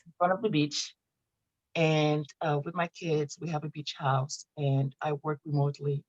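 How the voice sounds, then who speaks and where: A woman's voice: sits low, flat delivery, normal speed, darkish tone, no room sound, muffled recording. A woman from Morocco, in her thirties, chatting casually as an interview guest, laughing often and restarting her sentences. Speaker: guest, content marketing strategist.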